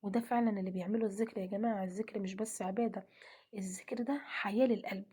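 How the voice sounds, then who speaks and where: A woman with an Egyptian accent giving a gentle devotional talk, often dropping to a half-whisper. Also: medium pitch, steady tone, rapid-fire, slightly rough. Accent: Egyptian Arabic. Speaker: religious speaker.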